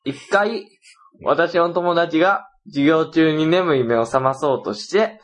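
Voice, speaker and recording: A man's voice: a little high, takes it slowly. A young man with a Kansai accent, co-hosting a casual podcast, reading listener mail and teasing his partner. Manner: teasing, laughs often, reads letters aloud. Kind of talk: casual chat.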